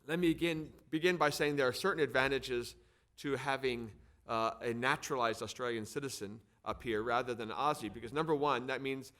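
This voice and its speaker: Fairly quick and a bit bright, a middle-aged man's mid-range voice carries an American accent as he hosts an event and introduces speakers. He leads a think tank, comes from Arizona, and mixes semi-formal and off-the-cuff speech, repeating words for emphasis.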